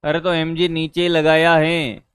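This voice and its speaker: Slow-talking high-voiced man teaching. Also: completely flat delivery, fairly bright tone, clean tone, dry recording. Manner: repeats questions to students, calls them beta. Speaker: physics teacher. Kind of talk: classroom lecture.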